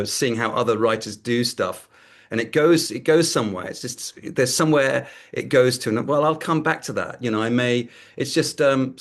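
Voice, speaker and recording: A man interviewing in a conversational way, affirming and tentative, circling around his questions. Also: medium pitch.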